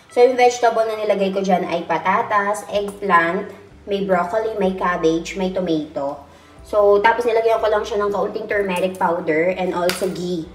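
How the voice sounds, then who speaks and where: A young woman vlogging casually about cooking and her baby son, who switches into a high sing-song baby-talk voice to coax him. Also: normal speed, soft background music. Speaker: vlogger and mother. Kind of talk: casual family vlog chat.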